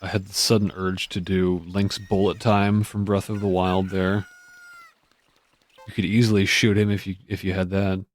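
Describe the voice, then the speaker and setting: A man's voice: deep voice, little pitch movement, normal speed. A man hosting a gaming video with informal, joking, casual gameplay commentary.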